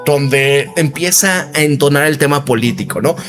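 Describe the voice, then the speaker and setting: A man's voice: fairly high pitch, normal speed, fairly bright tone, soft background music. A Mexican man in his thirties hosting a casual commentary video, rambling and tossing in tag questions. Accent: Mexican Spanish. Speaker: commentary channel host.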